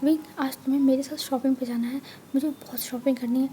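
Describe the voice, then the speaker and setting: High mellow voice, a lady reading as a teasing young woman doctor, cheeky and bold. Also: fairly even intonation, fast, slight background noise, close to an everyday voice. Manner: playful, teasing.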